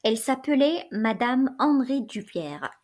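A woman reading a literary story aloud in a steady, clear storytelling voice. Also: a little high, unhurried. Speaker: reader.

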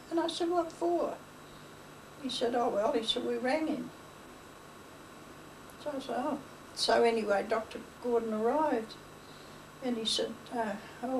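An older woman telling family stories in a rambling, chatty way, acting out old conversations. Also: on the high side. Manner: rambling, chatty, retells dialogue, laughs. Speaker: interviewee. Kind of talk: oral history storytelling. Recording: distant mic with faint hiss.

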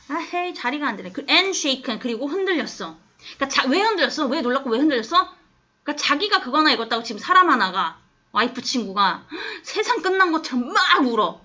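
In a muffled, low-fidelity classroom recording, a woman teacher explains an English text. Her voice is bright and high, and she gently encourages the students while checking again and again that they're following.

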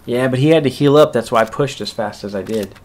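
Talking fast over a very noisy recording, a man with a typical mid-range voice casually breaks down past gameplay. He goes move by move, as if guiding his squad through an earlier match.

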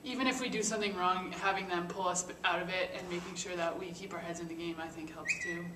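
Young female college player, lower voice, matter-of-fact answers, echoey room. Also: fairly even intonation, fast talker, sharp tone. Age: early 20s. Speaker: injured college basketball player. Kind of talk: postgame press conference. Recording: echoey room, distant mic, noise.

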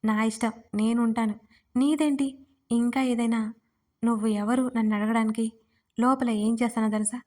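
A woman voicing a feisty, quick-tempered young heroine in a read-aloud romance story. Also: fairly high pitch, fairly even intonation, lightly acted. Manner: sulky, sharp-tongued.

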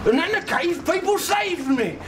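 An actor playing a boisterous pirate captain who shouts, cackles and rambles in pirate talk. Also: male voice, very high-pitched, sing-song, normal speed. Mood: rowdy. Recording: noisy amateur recording.

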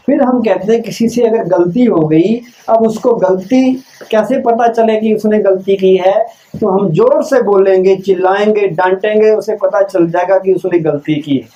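A man delivers a spiritual lecture in a high but mellow voice, speaking slowly and deliberately. He puts rhetorical questions to the audience and repeats key lines for weight. The recording sounds dull and lo-fi. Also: a little hiss or hum. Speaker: keynote speaker at a spiritual camp.

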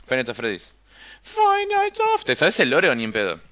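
A man's voice: medium pitch, fast. A man with an Argentine accent, hosting a casual stream and chatting with his audience in slang. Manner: laid-back, lively, slangy. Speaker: streamer host.

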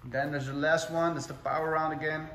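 Male fitness coach, higher-pitched, urging short commands, echoey room, background noise with thuds. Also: level tone, fairly quick, fairly bright tone. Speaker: kickboxing coach leading a heavy bag class. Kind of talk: workout coaching with short shouted cues and countdowns. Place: indoor kickboxing gym with mats and mirrors. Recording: echoey gym with clear background noise, clicks.

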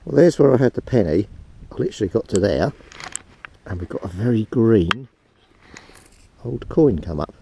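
Man, casual rambling narration, outdoors on a beach, wind-buffeted action-camera audio, clear wind noise. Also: fairly low pitch, expressive, moderate pace, pauses often, warm tone. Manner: chatty, rambling, talks to camera while digging. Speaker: metal detecting vlogger. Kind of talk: casual narration while detecting. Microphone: head-mounted action camera. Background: wind and sea noise.

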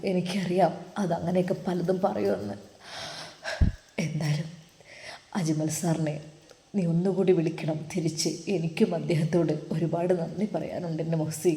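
A woman voicing a young husband who speaks in a calm, soothing, reassuring way. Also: on the low side, lightly acted. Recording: echoey reverberant room.

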